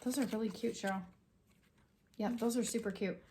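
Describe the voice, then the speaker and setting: A woman with a slightly high voice co-hosts a casual chat. She giggles often and pokes fun at herself. She cheers on the other host's work. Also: steady tone, brisk, dark tone, a little hiss or hum. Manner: giggly, self-deprecating, supportive. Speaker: co-host.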